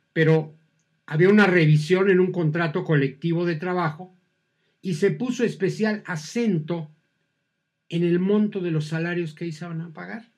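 A man with a Mexican accent teaching slowly and patiently, his voice a little high. He talks to the viewers like in a conversation and acts out the examples. The delivery is calm and clear. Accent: Mexican Spanish. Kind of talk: explaining to viewers.

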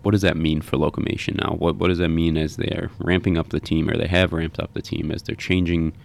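A man hosting a podcast interview, talking in a halting way and often repeating words. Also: extremely low pitch, flat delivery, gravelly. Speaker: podcast host.

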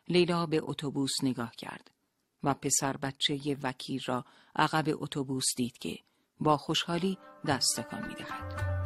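A narrator reading a novel aloud in a steady, even storytelling manner. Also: medium pitch, no echo. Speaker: audiobook narrator.

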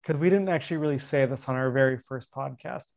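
A middle-aged man hosting a podcast in natural, unscripted casual talk, friendly and quick to poke fun at himself. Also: mid-range voice, darkish tone. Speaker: podcast host interviewing a friend. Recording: dull lo-fi sound.

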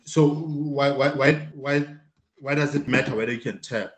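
A man's voice: medium pitch, steady tone, normal speed. Guy pushing back, lots of why why why, echoey room sound. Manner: questioning, pushes back with repeated why, stammering restarts. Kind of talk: casual debate. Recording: roomy echo.

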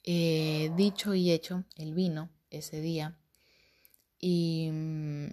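A woman's voice: deep voice, little pitch movement, takes it slowly, mellow. A young woman candidly recounting a painful personal story, emotional and blunt, repeating herself and swearing now and then.

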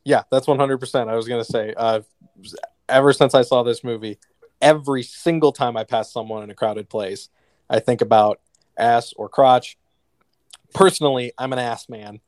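A man's voice: medium pitch, fairly even intonation, normal speed, darkish tone, no room sound. A man hosting a casual movie podcast, joking and rambling as he wraps up the episode. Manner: jokey, rambling, wraps up the show. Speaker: podcast host.

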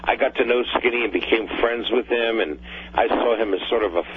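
A man's voice: medium pitch, fairly quick. An older man from New Jersey, heard over the phone as a caller on a radio talk show, reminiscing in a hesitant way with many fillers and restarts. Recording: dull phone line with faint hum.

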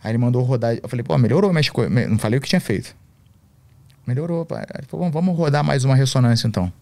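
A man's voice: mid-range voice, very fast, vocal fry, mellow, no echo. A Brazilian man telling a personal story in slangy, profane casual talk. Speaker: podcast guest.

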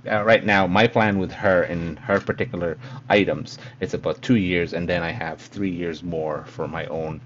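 Low-voiced man, dull lo-fi sound. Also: slight background noise. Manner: halting, searching for words, repeats himself. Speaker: podcast host. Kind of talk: casual reflective monologue.

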